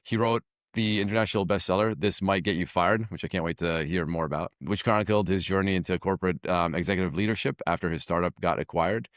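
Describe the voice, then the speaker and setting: A male podcast host with a very low voice, asking warm, open questions and now and then tripping over a word. The sound is dry and close, with no room around it. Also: quick pace, few pauses, no echo. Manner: friendly, asks short open questions, slight stumbles. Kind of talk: interview hosting.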